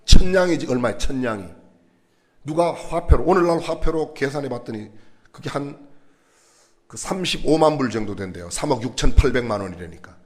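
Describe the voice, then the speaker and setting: Animated preaching man. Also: medium pitch, normal speed. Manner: animated preaching, questions to the congregation, acts out quotes. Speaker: pastor. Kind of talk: sermon. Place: church.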